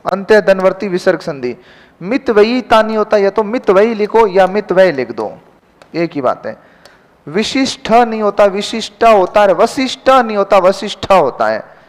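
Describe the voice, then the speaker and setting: In a Hindi grammar class, a man dictates spelling corrections word by word and quizzes his students, calling them "beta." His voice is high-pitched and expressive at normal speed, with long classroom reverb.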